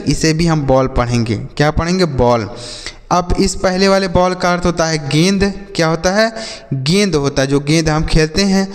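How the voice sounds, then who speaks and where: A man's voice: fairly high pitch, long reverb tail. A man teaching children English spellings and meanings, spelling words out letter by letter and answering his own questions.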